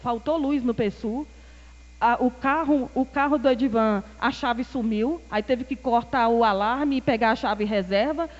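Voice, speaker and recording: A Brazilian woman with a high, bright voice preaches to her church, lively and storytelling, with frequent bursts of laughter. The sound is dull and rings with a long hall reverb. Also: unhurried. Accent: Brazilian Portuguese. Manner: lively storytelling, acts out quoted dialogue, laughs often. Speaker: deaconess preaching. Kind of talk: church sermon with personal stories.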